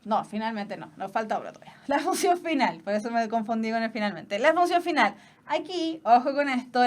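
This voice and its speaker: A woman with a Chilean accent teaching an online exam-prep class, explaining each point with everyday examples and repeating ideas in other words. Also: fairly high pitch.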